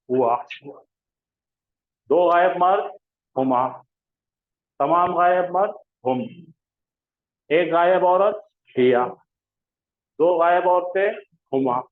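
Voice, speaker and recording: Man teaching over a tinny echoey line. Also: on the high side. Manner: drills pronouns with call-and-response questions. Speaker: Arabic grammar teacher. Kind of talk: classroom lesson.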